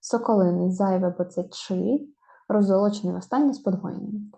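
Dark-voiced woman teaching spelling. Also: mid-range voice, vocal fry. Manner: slow, drawn-out stressing of example words. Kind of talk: spelling lesson. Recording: dull lo-fi sound.

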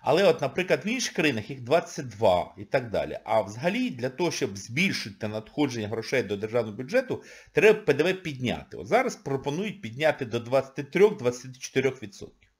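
A man's voice: medium pitch, big pitch swings, fast talker, breathy edge. A man, an economist, giving a sarcastic, scolding video monologue full of exclamations.

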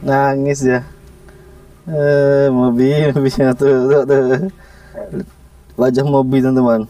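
A man casually vlogging to his viewers about his pet monkey, talking gently and coaxing it with soft chuckles. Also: mid-range voice, little pitch movement, slow pace, distant mic. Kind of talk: casual vlog narration to viewers.

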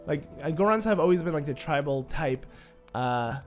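While playing, the American host keeps up a moderate pace of chatty, rambling talk, bursting with excitement and filler words such as "like" and "uh." His voice sounds nasal, stuffy and a touch high, with gentle game music faint behind it.

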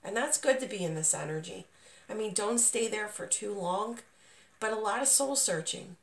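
A gravelly, animated medium-pitched voice moves at a moderate pace as a woman recovering from sickness gives a casual tarot reading. Speaking straight to the listener with reassurance, this channel host works unscripted at a table in a dim little room. The distant microphone leaves a roomy echo.

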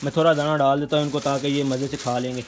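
A man, narrating a casual pet vlog outdoors and coaxing his birds with quick repeated calls. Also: mid-range voice, flat delivery, a little hiss or hum. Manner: fast, chatty, coaxing animals with repeated calls. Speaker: pet vlogger. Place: outdoor yard with bird cages, aircraft passing overhead.

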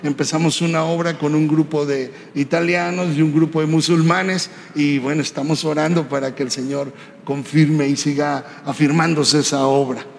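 A man preaching a sermon, telling a personal story in a conversational way and often tagging his lines with a quick question. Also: a little high, steady tone, creaky. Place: church hall. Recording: reverberant church hall, faint background noise.

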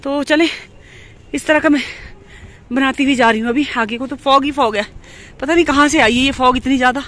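High bright woman vlogging outdoors. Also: brisk. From Uttarakhand, India. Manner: chatty, keeps addressing viewers as friends. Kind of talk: casual walking vlog narration. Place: outdoors on a foggy lakeside road. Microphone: handheld phone while walking.

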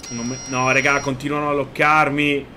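A young man playing an online game with friends, animated and swearing as he shouts callouts. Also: mid-range voice, moderate pace, noisy background. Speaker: gaming co-player. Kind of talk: casual gaming chat with friends.

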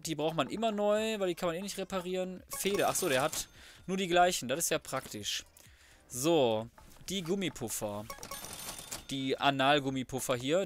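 A let's player with a slightly high voice gives casual gameplay commentary, with slight background noise. He is chatty and slangy, narrating himself through each step as he goes.

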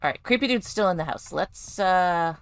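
A woman's voice: lowish voice, animated, moderate pace, clear, resonant tone, dry recording. A woman providing casual, jokey commentary while playing a horror game, talking to herself and yelping when startled. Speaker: gaming video host.

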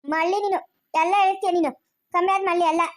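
A woman's voice: extremely high pitch, steady tone, fast talker. An actress with a rural Chikkaballapur Kannada accent playing a harsh aunt who bosses and scolds a young new mother. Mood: scolding. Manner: sharp, bossy and scolding. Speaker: actor in a family drama skit.

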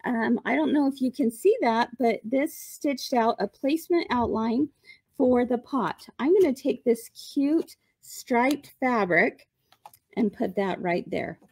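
A woman's voice: fairly high pitch, a little slow, darkish tone, breathy edge, dry recording. A woman chatting casually and enthusiastically like a home shopping host during a live craft demonstration, checking in with her viewers. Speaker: host of a live embroidery demonstration and sales show.

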